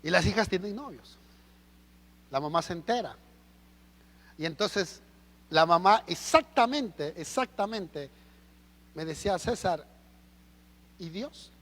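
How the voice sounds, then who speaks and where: A Mexican man preaching a sermon as pastor, animated and full of rhetorical questions. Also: sits high, a little slow, pauses often, in a large hall. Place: church hall.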